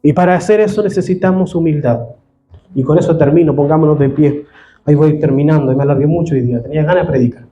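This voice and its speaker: Brief: man, earnest fervent sermon, mellow tone, echoey church. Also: a little high, quick pace, highs cut off. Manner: earnest, rising to fervent appeals. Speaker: pastor. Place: church hall.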